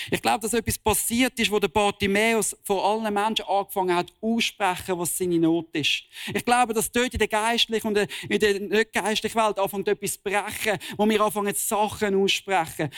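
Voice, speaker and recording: A man preaching with passion. His voice sits high and climbs even higher on the words he stresses. He drops casual slang into a heartfelt sermon. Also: no echo. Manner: impassioned, rising to emphatic high-pitched stress.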